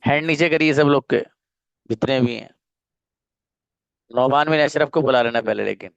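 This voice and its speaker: A man teaching an online English class, calling on students by name and drilling each sentence slowly. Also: mid-range voice, creaky, no room sound, muffled recording.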